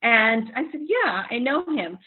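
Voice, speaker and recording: A middle-aged woman born in Mexico, co-hosting and telling a personal story in an earnest, halting way with many fillers. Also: a little high, big pitch swings. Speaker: podcast co-host. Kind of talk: casual chat, personal story. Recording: tinny phone-like line.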